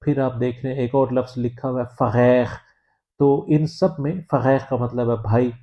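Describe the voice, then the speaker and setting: A man from Pakistan giving a language lesson, explaining in a measured, patient way with frequent hesitant pauses. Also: mid-range voice, steady tone. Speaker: French teacher. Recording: dull lo-fi recording.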